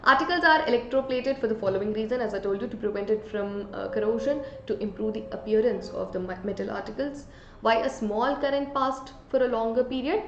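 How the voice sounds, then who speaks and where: A woman's voice: on the high side, a little hiss or hum. A woman with an Indian accent teaching an exam revision lesson, explaining by asking questions and answering them herself. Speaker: chemistry teacher. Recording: echoey room, slightly dull sound.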